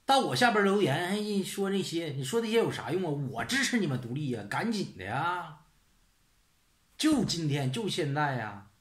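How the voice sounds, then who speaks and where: A man's voice: fairly high pitch, big pitch swings, moderate pace. A man hosting his own channel, ranting in a blunt, sarcastic, casual way. He swears often and keeps throwing out rhetorical questions. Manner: rhetorical questions, "是不是" tag. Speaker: channel host. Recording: roomy echo.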